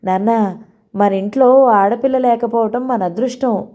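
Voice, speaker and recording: A woman reading out a playful college-age son who jokes with his parents. The voice lifts a little when he teases, yet stays mellow and warm. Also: a little high, unhurried, close to an everyday voice. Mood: joking. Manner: cheeky, joking. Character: playful teasing young male student son.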